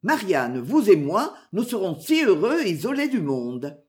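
A woman's voice: medium pitch, big pitch swings, unhurried, a little mellow. A woman reader voicing a young knight who speaks earnestly to his love and sternly to others, in a storybook reading. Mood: ardent. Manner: earnest, imperious. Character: young knight, ardent and commanding.

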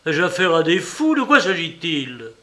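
Guy voicing a blustery scared nobleman in an audiobook, higher than his usual, slow and bright. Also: sing-song. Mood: angry blustering. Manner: blustering, then pleading. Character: arrogant frightened nobleman, adult man. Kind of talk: audiobook reading.

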